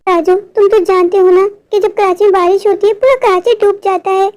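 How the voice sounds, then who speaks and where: A performer voicing an anxious, cautious little girl in an animated cartoon, talking in a pleading, fretful way. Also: very high voice, a little fast. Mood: frightened.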